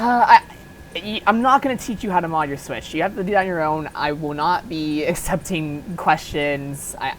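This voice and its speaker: In a rough recording with slight background noise, a low-pitched woman leads a casual software modding tutorial. It's unscripted, and she talks loosely, reasoning aloud as she goes along.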